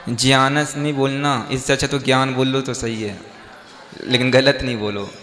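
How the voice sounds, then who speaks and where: A man, a Jain monk, teaching a Sanskrit hymn, correcting pronunciation and explaining the verse in a brisk conversational way. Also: medium pitch, fairly even intonation, a bit bright, big-room sound. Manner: slow drawn-out chanting, then brisk conversational explanation.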